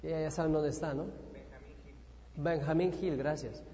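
A man preaches in a church, telling a story with lively energy and acting out his own moments of panic. His voice is mellow, and it rings through a long, echoey hall. The recording sounds dull and lo-fi. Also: fairly high pitch, a little slow. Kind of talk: sermon with personal storytelling.

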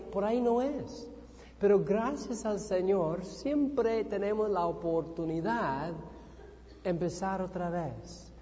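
Animated male preacher in an echoey hall. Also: high-pitched. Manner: animated storyteller, acts out his own panic. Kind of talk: sermon with personal storytelling. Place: church. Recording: echoey hall, dull lo-fi sound.

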